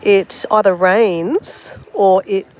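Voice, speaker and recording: A slow, slightly mellow mid-range voice belongs to an Australian travel vlogger who's a bit under the weather with a sniffly cold. Painting by the sea, she keeps up a casual, self-deprecating livestream chat aimed right at her viewers, over a little hiss or hum.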